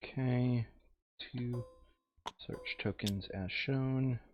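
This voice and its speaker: On a board game playthrough show, a man casually reads out rules, thinks aloud and narrates his moves. His mid-range voice is steady and very slow, and the audio sounds dull.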